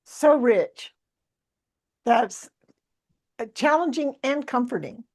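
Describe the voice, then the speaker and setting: A woman's voice: high voice, animated, slow pace, darkish tone. A woman hosting an interview podcast in a conversational, effusive and affirming way. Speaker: podcast host.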